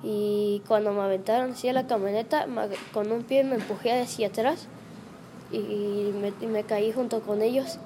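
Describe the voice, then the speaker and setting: Frightened young woman, hesitant, halting speech, interview, noisy background. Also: medium pitch, steady tone. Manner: hesitant, halting, with restarts and fillers. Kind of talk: recounting an ordeal to a reporter.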